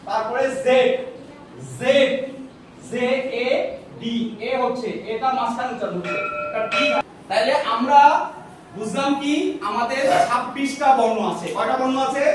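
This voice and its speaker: High-pitched guy teaching, repeats questions a lot, far off mic in an echoey room. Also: fairly even intonation, unhurried, long pauses, noisy background. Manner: repeats questions, drills class. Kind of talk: classroom teaching, call and response. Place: large echoey classroom.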